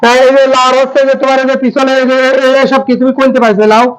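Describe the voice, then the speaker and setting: A man's voice: very high-pitched, flat delivery, rapid-fire, poor audio. A man doing a casual family vlog, talking to his viewers in a chatty, teasing way and repeating a catchphrase. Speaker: vlogger.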